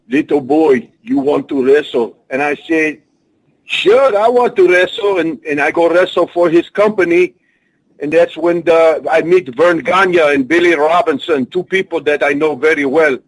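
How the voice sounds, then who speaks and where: A man, a wrestler guest answering interview questions in broken English in a booming wrestling persona. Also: a little slow, low-quality recording.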